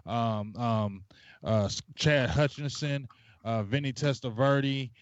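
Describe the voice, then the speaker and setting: A man's voice: mid-range voice, dry recording. Male co-host, heated rambling sports rant, dry close sound, dull lo-fi audio. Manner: passionate, rambling, drawn-out fillers. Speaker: podcast co-host. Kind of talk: casual sports talk livestream.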